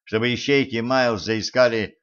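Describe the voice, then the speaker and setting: A man voicing a sharp-tongued immortal male sorcerer who talks in a snappish, commanding way. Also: mid-range voice, steady tone, moderate pace, smooth, highs cut off, close to an everyday voice. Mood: irritated.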